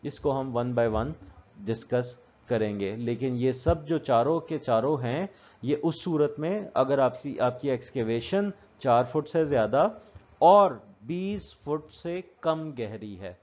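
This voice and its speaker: Male safety instructor, mid-range voice, steady explanatory lecture, slightly muffled recording. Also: medium pitch. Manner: mixes English technical terms into explanation, repeats key points.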